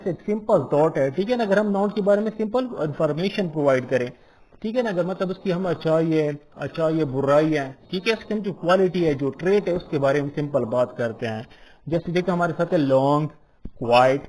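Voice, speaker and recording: Guy teaching grammar, kinda high voice, patient, keeps checking everyone's with him. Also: darkish tone, low-quality recording. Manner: explains patiently, keeps asking "ठीक है ना" as a check, reads English definitions slowly. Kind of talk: classroom-style explanation.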